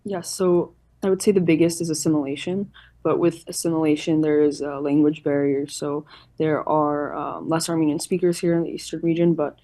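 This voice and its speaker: A woman who chairs a youth organization answers interview questions on its behalf, earnest, explanatory and formal. Her voice sits low and warm, with a level tone at normal speed.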